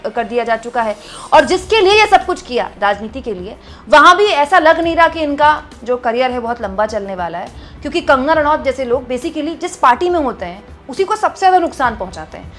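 A woman's voice: high-pitched, lively intonation, brisk, a bit bright, soft background music. A woman commentating on political news, reading out viewer comments and chatting to her audience as friends, with frequent hesitations.

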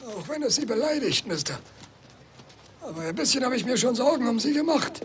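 A man's voice: very high voice, lively intonation, brisk, slight background noise. An actor playing an eager, cheeky young man, in a film dub.

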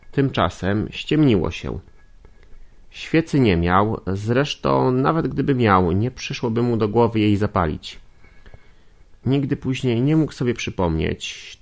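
A man reading a novel aloud as an audiobook, steady, with occasional slips he corrects. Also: lowish voice, gravelly. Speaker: audiobook reader. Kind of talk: audiobook narration.

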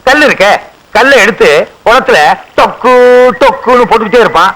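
A sly, joking father with a very high, bright, sharp voice, plotting to marry money. The sound comes from an old comedy film soundtrack. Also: lively intonation, a little fast, heavily acted, poor audio. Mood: scheming. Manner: wisecracking, conniving. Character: scheming widowed father plotting a rich match. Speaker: comic film actor.

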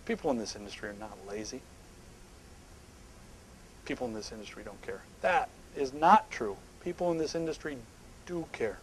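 A middle-aged man speaking at a live seminar on a small indoor stage, emphatic and animated, sometimes dropping to hushed asides. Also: medium pitch, moderate pace, long pauses, a little hiss or hum, poor audio.

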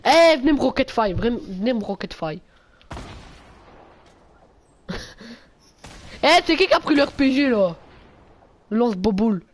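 Streamer dude, talks slang nonstop, swears a ton, yells out of nowhere. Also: male voice, very high-pitched, sing-song, normal speed, a little hiss or hum. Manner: slangy, swears a lot, bursts into loud yelps. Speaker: game streamer. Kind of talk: casual gameplay livestream chat.

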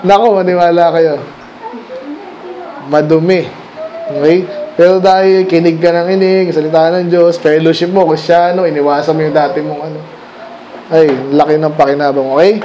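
A Filipino pastor preaches at a Sunday night church service in a conversational style, firing rhetorical questions at the congregation and switching between Tagalog and English. His voice is a little high and warm, with little pitch movement, normal speed and long pauses. There's a little hiss or hum in the recording.

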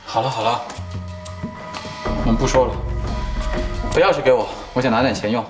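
A man's voice: medium pitch, normal speed, lightly acted. A male actor playing a young man from a fallen wealthy family, speaking in a subdued, weary way in a period TV drama. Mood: irritated. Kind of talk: TV drama dialogue. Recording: drama soundtrack with background music.

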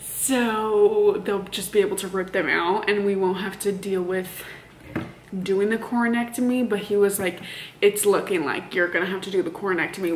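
A young woman talks to her camera like she is catching up with friends. Her voice sits at an average pitch, and she is blunt and slangy, swearing freely. There is some faint noise behind her. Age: 20s. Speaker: vlogger. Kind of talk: casual vlog chat. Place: parked car and a room at home.

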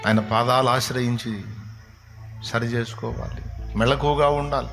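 A man's voice: medium pitch, fairly even intonation, unhurried, creaky, fairly bright tone, faint music behind. A man preaching a sermon as a pastor, impassioned and pleading, building through repeated phrases.

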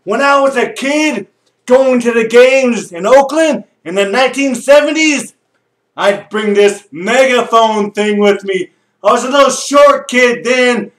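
A middle-aged man with a raspy voice, loudly hollering and singing as a rowdy sports fan in a home video. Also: very high voice, unhurried. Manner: loud, brash, hollering. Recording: echoey room with guitar music.

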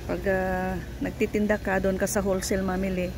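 A Filipino woman whose first language is Tagalog vlogs casually while shopping in a big indoor warehouse store, holding her phone camera herself. She speaks quickly in a flat, mid-range voice with vocal fry and a Filipino accent, with background noise around her.

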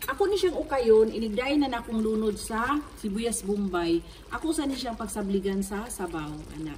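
A Filipino woman in her fifties with a Cebuano accent, casually talking through a home recipe in her kitchen, explaining each step in a relaxed, chatty way. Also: on the high side, moderate pace, a little hiss or hum. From Philippines. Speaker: home cook. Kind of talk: casual cooking vlog narration. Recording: distant camera mic, music underneath.

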